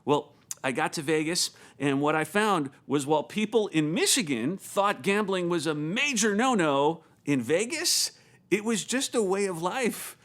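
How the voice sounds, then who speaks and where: A male pastor delivering a sermon in a storytelling way, often doubling up his words. His voice sits high. The pitch bounces around a lot. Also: measured pace. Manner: animated storytelling, repeats words.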